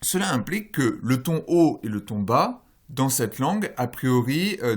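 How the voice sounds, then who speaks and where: A man giving a recorded university lecture, explaining slides one step at a time, with frequent "euh" fillers, self-corrections and questions he then answers himself. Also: mid-range voice. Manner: explanatory, walks through slides and tables step by step; poses and answers his own questions. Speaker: phonology lecturer.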